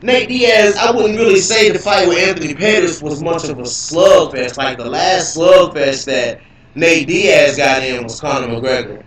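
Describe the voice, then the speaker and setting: A livestream host with a slightly high, fairly bright voice talks casually and unhurriedly, loose and profane, repeating himself a lot. His computer mic sounds distant, echoey and robotic, adding a clangy glitch.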